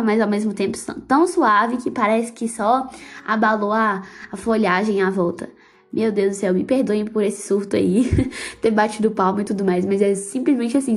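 A woman hosting a podcast, talking about a book in a heartfelt, fervent, casual way with religious exclamations. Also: medium pitch. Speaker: podcast host. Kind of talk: emotional casual book commentary.

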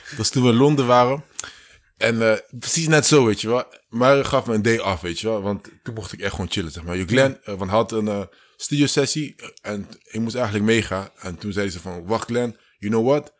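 A man's voice: lowish voice, fairly quick. A man casually telling stories on a podcast, full of slang and English phrases, acting out other people's voices. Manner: slangy, mixes English phrases into his talk; fills with "weet je wel" and "zeg maar". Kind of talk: casual storytelling chat.

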